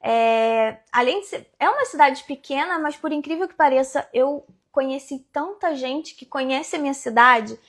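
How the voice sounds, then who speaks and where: High-voiced woman from Rio state. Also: normal speed, hardly any pauses. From Rio de Janeiro state, Brazil. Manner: lively storyteller who acts out quoted dialogue. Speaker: guest, business owner. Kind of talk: casual interview storytelling.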